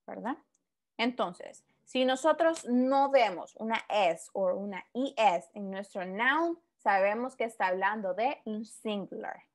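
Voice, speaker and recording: A woman's voice: mid-range voice, expressive, a little slow. A woman teaching an English grammar lesson, explaining patiently, repeating example words and often checking with the class.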